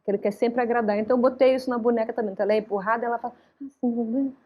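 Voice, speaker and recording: A woman's voice: a little high, rapid-fire, dull audio. A woman, a guest actress and singer speaking expressively in a casual interview. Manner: expressive and effusive.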